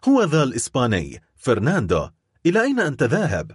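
A man voicing a friendly drinking companion in an audiobook, with a hearty, quick way of calling out. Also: lowish voice, huge pitch swings, a little mellow, slightly rough, no echo, studio quality, exaggerated voice. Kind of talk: audiobook character voice.

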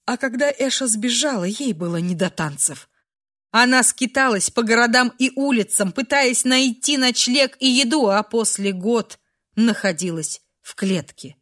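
A woman narrating a dramatic audiobook in a measured, expressive way. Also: on the high side.

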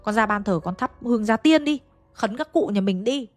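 A woman's voice: a little high, expressive, moderate pace. A woman voicing an old grandmother who solemnly explains what has gone wrong, in a ghost story. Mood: grave. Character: old grandmother, grave and knowing.

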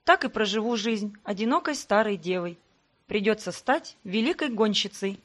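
A woman's voice: mid-range voice, expressive, normal speed, lightly acted. Woman playing a wry, joking young heroine. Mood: mock whining. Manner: mock-whiny, playful.

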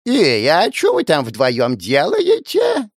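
A man voicing a cranky, foul-mouthed old woman who yells and scolds in a high, shrill voice. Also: huge pitch swings, slow, slightly rough, no room sound, studio quality, heavily acted. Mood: scolding. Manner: yelling, scolding.

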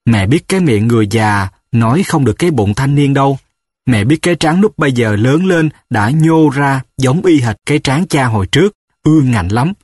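A male narrator reading a story at a measured, rhythmic pace, with a mid-range voice. The recording is very dry and close, with no room sound. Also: mid-range voice, animated, a little mellow, breathy edge, no echo.

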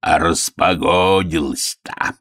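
A man playing a slow gloating wolf. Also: rumbling low, expressive, vocal fry, a bit bright, no room sound, studio quality, heavily acted. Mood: gloating drawl. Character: greedy sly male wolf, sings and gloats.

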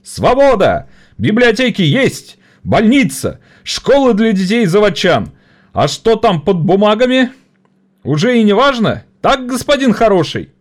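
A man's voice: sits high, sing-song, a little slow, pitched above the performer's own voice. A man voicing a fiery orator rousing striking workers in an audiobook. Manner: rousing, indignant speech.

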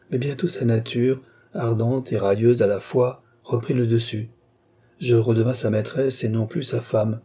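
A man voicing a grieving, remorseful young woman as she tells her story in an audiobook, in a measured, confessional way. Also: medium pitch, mellow, slightly rough, natural voice. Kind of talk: audiobook reading.

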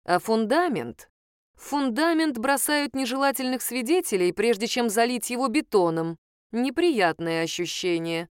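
Woman reading a shrewd middle-aged woman sleuth, hushed and persuasive, smooth clear voice, dry close sound. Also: on the high side, animated, moderate pace, dry recording, pitched above the performer's own voice, close to an everyday voice. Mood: conspiratorial.

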